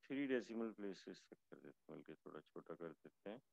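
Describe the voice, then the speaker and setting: A male lecturer with a hoarse voice, teaching a math class online slowly and haltingly, with many fillers. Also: sits low, expressive, a little mellow, dry recording, highs cut off. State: hoarse, fasting.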